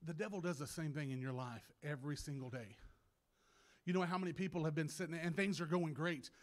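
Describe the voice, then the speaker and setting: A man preaching a sermon, often restarting his words, sometimes choked up and clearing his throat, and rising to loud, shouted passages. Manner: builds from low, halting talk to loud, shouted preaching with many restarts.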